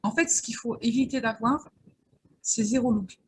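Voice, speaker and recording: A host leading a casual conversation in a measured way, with frequent hesitations and follow-up questions. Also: mid-range voice, steady tone, slightly rough, rough recording.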